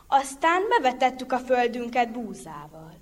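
A woman's voice: a little high, sing-song. A woman voicing a cheeky poor young man telling a king ever bigger tall tales. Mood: sly. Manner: sly, boastful tall-tale telling. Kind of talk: folk tale reading.

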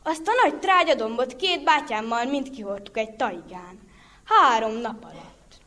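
A woman's voice: fairly high pitch, expressive, bright, forceful tone. A woman voicing a cheeky poor young man telling a king ever bigger tall tales. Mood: sly. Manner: sly, boastful tall-tale telling. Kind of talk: folk tale reading.

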